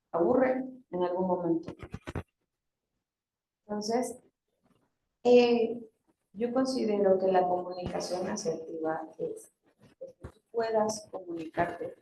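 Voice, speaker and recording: A woman's voice: mid-range voice, mellow, a little hiss or hum. Woman leading a workshop, echoey room. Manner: asks the group questions, demonstrates tones of voice. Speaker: workshop speaker. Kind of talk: interactive talk to a group.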